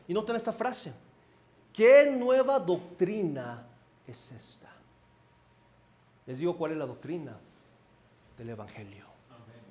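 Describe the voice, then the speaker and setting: Male pastor, Mexico City accent, high voice, animated conversational sermon in a church. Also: slight background noise. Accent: Mexico City Spanish. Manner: animated, asks the congregation questions, swings between loud and soft. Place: church sanctuary.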